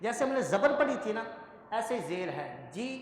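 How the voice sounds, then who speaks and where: A man teaching Quran pronunciation in a lesson, his voice carrying through a big hall with a long, ringing echo. He drags out each syllable slowly and checks often that the class has understood. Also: sits high, sing-song, slight background noise. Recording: echoey hall.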